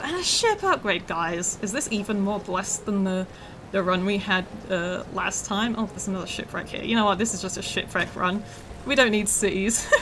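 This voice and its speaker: A woman game developer with a scratchy, rough voice from feeling unwell, chatting casually through a livestream of her studio's game, with many ums and uhs. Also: mid-range voice, a bit bright. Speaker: game developer streaming a demo.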